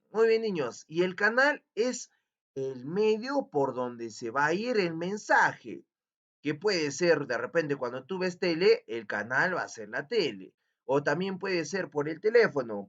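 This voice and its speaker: A man teaching a lesson to young children, in a sing-song manner, slowing down to stress key words. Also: on the high side, fairly bright tone. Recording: dull lo-fi recording.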